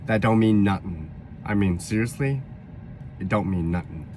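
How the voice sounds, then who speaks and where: A man's voice: fairly low pitch, normal speed, a little mellow, a little hiss or hum, close to an everyday voice. A man putting on a swaggering New York accent as a pushy street guy with loose grammar. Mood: brash swagger. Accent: put-on New York.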